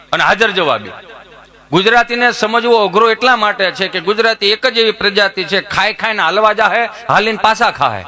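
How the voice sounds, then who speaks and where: A man's voice: sits high, bright, forceful tone. A man, telling comic stories on stage and acting out each character's lines in turn. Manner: acts out both sides of his jokes, switching voices. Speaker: stand-up comedian. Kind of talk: Gujarati folk comedy storytelling.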